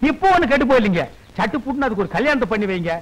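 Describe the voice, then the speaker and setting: A shrill loud-mouthed village barber uncle. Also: male voice, lively intonation, rough recording. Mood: scolding. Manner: loud, fast, mocking comic rants. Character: village barber uncle, middle-aged man, loud scolding jester. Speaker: comic uncle.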